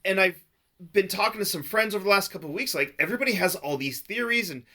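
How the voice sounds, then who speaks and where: A man's voice: high voice, fast talker. A man co-hosting a podcast, talking casually and rambling with lots of fillers. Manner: rambling, filler-heavy, animated. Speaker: podcast co-host.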